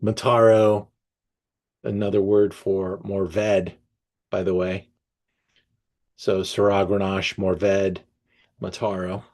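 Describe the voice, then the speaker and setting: A man with a lowish voice hosts a wine tasting. He takes his time, reading the notes slowly. Between the readings he breaks off into eager, halting asides full of ums and restarts. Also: little pitch movement, a little mellow. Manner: reads tasting notes aloud, then riffs enthusiastically with fillers. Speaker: wine merchant presenting a tasting. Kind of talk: live online wine tasting talk.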